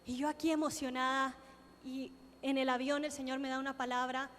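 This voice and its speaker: A woman's voice: high voice, little pitch movement, brisk, fairly bright tone, slight background noise. A woman from Colombia, giving a sermon testimony and acting out her own prayers and conversations as she tells them. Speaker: preacher. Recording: long reverb of a large hall.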